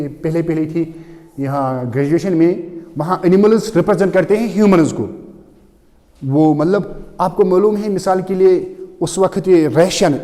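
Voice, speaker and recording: High-voiced male teacher in a reverberant hall. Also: darkish tone. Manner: mixes Hindi and English, keeps asking if students understand; reads definitions slowly and deliberately. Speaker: English teacher. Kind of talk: classroom lecture.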